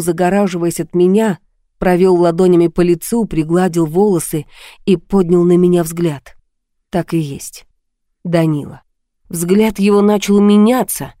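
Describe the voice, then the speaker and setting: Mellow woman reading a dramatic audiobook. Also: fairly low pitch, no room sound, studio quality. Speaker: audiobook reader. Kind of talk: first-person audiobook narration.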